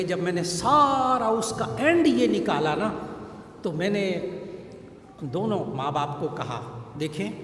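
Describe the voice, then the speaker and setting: Guy preaching with a pretty high voice, earnest storytelling, repeats stuff for emphasis, echoey hall. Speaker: Islamic scholar and preacher. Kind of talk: sermon with an anecdote. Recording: echoey hall with faint background noise.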